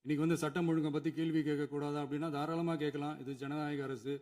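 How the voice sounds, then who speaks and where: A man's voice: on the high side, level tone, fast, darkish tone. A man, a chief minister, giving an emphatic formal speech in a legislative assembly hall, building his points through repetition.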